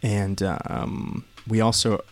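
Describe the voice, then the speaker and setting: A man co-hosting a casual podcast, speaking in a low, measured radio voice. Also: level tone. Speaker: podcast co-host.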